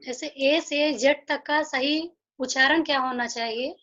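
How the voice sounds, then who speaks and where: A woman teacher giving an online phonics lesson, slowly saying each letter sound and repeating it. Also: sits high, steady tone, fairly bright tone, highs cut off. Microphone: video call.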